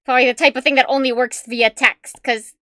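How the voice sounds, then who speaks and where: A high, steady-toned woman's voice, fairly quick and a little bright, recorded clean in a studio with no room sound. She's a streamer casually chatting with viewers in a tiny, cute voice, giggling often between remarks and rambling with fillers and self-corrections.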